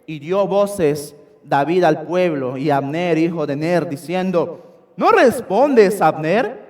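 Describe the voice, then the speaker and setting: A man delivers an expository sermon from the pulpit in a church sanctuary. His voice sits high and carries with emphasis, often calling the congregation his brethren. A long reverb from the hall follows his words. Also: steady tone, slow pace, a little mellow. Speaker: preacher.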